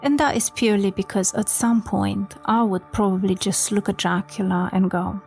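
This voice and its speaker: Woman from romania chatting about books, bit of vocal fry, soft faint music under her. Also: medium pitch, steady tone, normal speed. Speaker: podcast host. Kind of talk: reflective book-talk podcast monologue.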